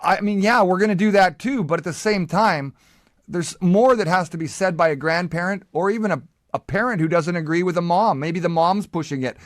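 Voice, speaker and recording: A man's voice: high voice, a little fast, no room sound, studio quality. A man hosting a talk show, arguing bluntly and emphatically, stumbling over repeated words when worked up. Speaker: podcast host. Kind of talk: heated conversational argument.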